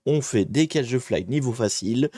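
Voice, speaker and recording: Lively, rambling male stream host. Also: mid-range voice, moderate pace, no echo, clean studio sound. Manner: chatty, rambling, many hesitations; self-deprecating, greets viewers by name. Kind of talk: casual live-stream hacking tutorial.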